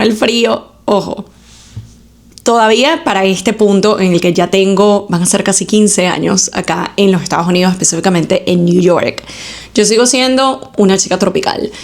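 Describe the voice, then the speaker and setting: Chatty Venezuelan woman hosting a podcast. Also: medium pitch. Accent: Venezuelan Spanish. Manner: chatty, mixes English words into Spanish. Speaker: podcast host. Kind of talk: casual solo podcast talk. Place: home, indoors.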